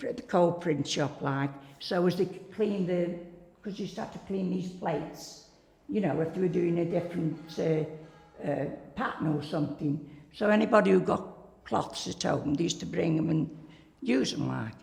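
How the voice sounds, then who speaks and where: In a reverberant room, an older Staffordshire woman who once worked in pottery tells an interviewer chatty, rambling stories from her working life, peppered with "like" and "you know." Her voice is lowish, gravelly and darkish in tone, at a normal speed.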